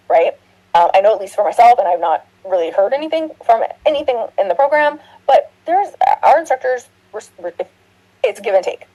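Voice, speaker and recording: A middle-aged woman nursing instructor gives a recorded orientation lecture in a mid-range voice with a dark tone. She is chatty and rambling, laughing and restarting, and the low-quality audio comes from a computer mic via screen recording.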